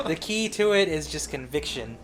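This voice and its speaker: A man's voice: a little high, animated, normal speed, a bit bright, faint music behind. A man co-hosting a casual gaming podcast, talking in a dry, teasing way. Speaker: co-host.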